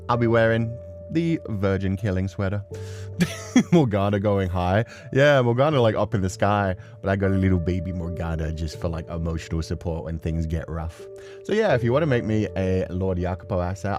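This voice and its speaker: His voice sits low with a darkish tone and lively intonation, a little fast, with soft music behind. The man, a gaming streamer hosting a livestream, rambles expressively in casual chat ahead of playing.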